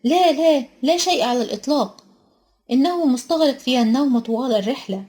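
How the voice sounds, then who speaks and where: A woman's voice: high-pitched, animated, fast talker, a little mellow. A woman voicing a huge bearded male groundskeeper, simple and loyal, in a storybook reading. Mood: eager.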